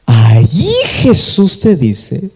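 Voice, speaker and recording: A Peruvian man preaches in Peruvian Spanish with a voice on the high side, darkish and slightly rough, moving very slowly through huge pitch swings. As pastor, he emphatically questions the congregation and supplies the answers, while the hall echoes with long reverb.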